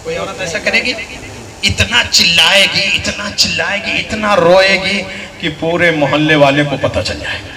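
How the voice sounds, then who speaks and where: A man preaching a sermon to a live congregation. He swings from shouted, high outbursts to low, hushed phrases and keeps asking his listeners direct questions. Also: measured pace. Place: large gathering hall with a responding audience. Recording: roomy echo, voice picked up from a distance, crowd audible.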